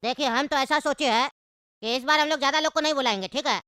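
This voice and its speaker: A woman's voice: high voice, quick pace, sharp tone, no echo, studio quality. A woman voicing a persuasive male party organizer in a cartoon. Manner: persuasive, coaxing. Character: smooth-talking male party planner. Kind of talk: cartoon voice acting.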